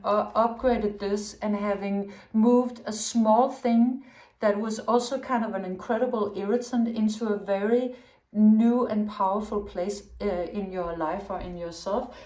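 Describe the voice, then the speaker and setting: A tarot reader whose first language is Danish delivers an intuitive reading monologue in an echoey room. Her medium-pitched, mellow voice is unhurried, and she rambles, wanders and corrects herself, searching for words with many restarts.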